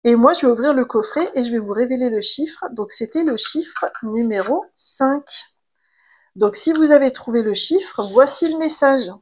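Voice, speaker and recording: A woman, giving a casual, chatty tarot card reading with gentle fillers and restarts. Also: sits high, expressive, normal speed. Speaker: tarot reader.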